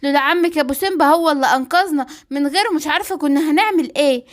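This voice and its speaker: Cartoon giraffe mom, protective and scolding, a woman voicing, Egyptian accent, fast. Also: high voice, lightly acted.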